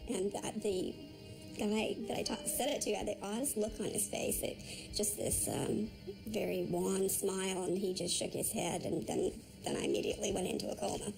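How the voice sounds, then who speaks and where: A woman's voice: mid-range voice, fairly even intonation, normal speed, vocal fry, rough recording. A woman, a survivor, telling her memories in an interview in a hesitant, reflective way. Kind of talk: interview recollection. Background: music.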